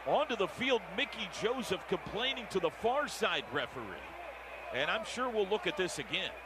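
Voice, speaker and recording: Over a loud, roaring stadium crowd and heavy noise, an American radio play-by-play announcer calls a football game live. His high-pitched voice is expressive at a normal speed, delivering clipped phrases that grow urgent whenever a big play happens.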